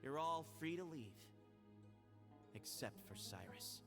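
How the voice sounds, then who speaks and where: A man's voice: on the high side, animated, slow pace, gravelly, exaggerated voice. A man voicing a frank, confident young heir in a video game, direct and self-assured. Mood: calm, resolute. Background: music.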